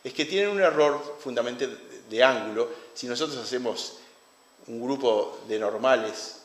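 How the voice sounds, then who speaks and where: Uruguayan man lecturing in echoing hall. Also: medium pitch. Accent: Uruguayan Spanish. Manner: halting, with frequent restarts and fillers. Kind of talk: academic lecture. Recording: roomy hall with long reverb.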